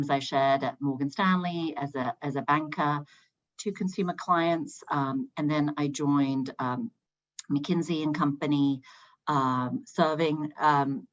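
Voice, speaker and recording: A woman from Iran who grew up in the UK, telling her career story on a panel in a halting way with many ums. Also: low-pitched, fairly even intonation, muffled recording. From Iran, raised in the UK. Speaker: panelist, managing partner.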